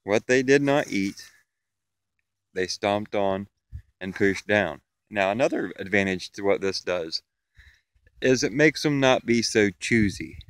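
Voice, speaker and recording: Low, clear-voiced farmer outdoors. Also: male voice, a little slow, dry recording. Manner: plain, matter-of-fact talk. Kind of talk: walking field tour, explaining. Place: outdoors in a pasture. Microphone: camera held while walking.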